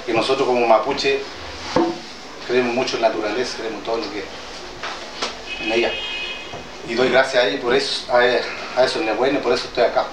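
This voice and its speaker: In a noisy, echoing meeting hall, a Mapudungun-speaking healer from southern Chile gives an informal public address to an audience. His voice is mid-range and steady in tone, while his delivery is halting, plain-spoken, and riddled with restarts. He's captured from a distance.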